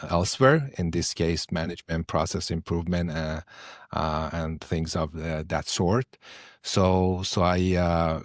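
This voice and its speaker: Middle-aged man from Iran, low voice, dry close sound, hesitant interview guest. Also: no echo. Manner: hesitant, many fillers. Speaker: podcast guest, investor and professor. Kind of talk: interview answers.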